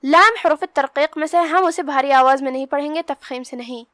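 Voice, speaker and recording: A Quran teacher with a bright, high voice gives a tajweed lesson, her sound dry and close with no echo or room around it. She recites each verse slowly and drawn out, then calmly and steadily explains the pronunciation rules in plain terms.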